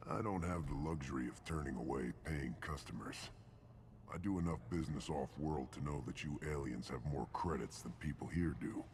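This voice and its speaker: A man voicing a surly alien brute in a video game, gruff and curt, with a deep gravelly voice. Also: moderate pace, darkish tone, slight background noise. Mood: grudging, dry. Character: surly alien brute, grudging toward human customers. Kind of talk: scripted video game dialogue.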